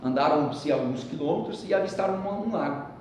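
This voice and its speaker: Brief: animated male motivational speaker, somewhat high voice, heavy hall echo and faint rumble. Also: a little fast, distant mic. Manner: animated, addresses the audience directly. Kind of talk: storytelling talk to a live audience.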